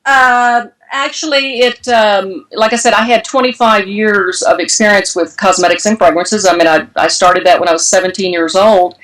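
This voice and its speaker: Chatty animated businesswoman in her forties. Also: medium pitch, moderate pace, hardly any pauses, rough recording. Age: 40s. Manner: animated, chatty, laughs often. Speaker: franchise owner, interview guest. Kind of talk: casual interview storytelling.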